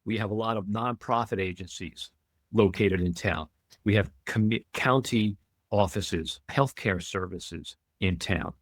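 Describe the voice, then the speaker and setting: An American man in his sixties, a municipal manager speaking in a measured, deliberate way in a roundtable discussion. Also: on the low side, no room sound. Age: 60s.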